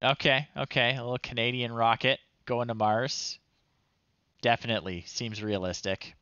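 A thirtysomething man hosts a retro game show stream from a small indoor room at home, casually commentating and reading on-screen text aloud with amused, playful asides. His voice is mid-range and sharp, with a steady tone and moderate pace, in a dry, slightly dull close-up recording.

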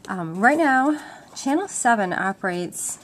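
With a fairly high, expressive voice and a measured pace, a woman teaches informally, explaining a casual demonstration one step at a time. She works at a wooden table indoors at home. The clip, captured on a handheld camera microphone, carries noisy home-video audio and clicking.

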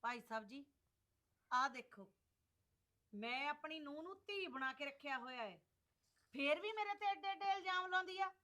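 A sharp-tongued middle-aged mother-in-law, played by a woman, high-pitched and scolding. She sounds indignant, airing grievances in a family drama.

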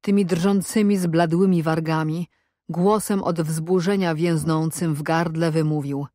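A woman narrating an audiobook in a measured, even storytelling manner. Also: low-pitched, dry recording, studio quality. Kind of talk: scripted narration.

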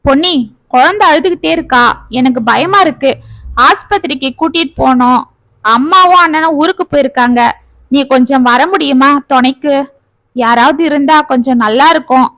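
Woman reading as a headstrong young mom, high voice, dry close sound, proud and quick to push back. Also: fairly bright tone, dry recording. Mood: anxious. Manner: defiant, anxious. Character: young mother, proud and stubborn.

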